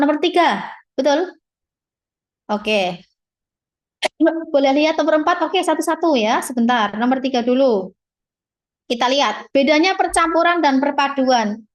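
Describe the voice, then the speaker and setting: A woman tutor teaching a live online class, patiently explaining and answering students by name over a video call. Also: high voice.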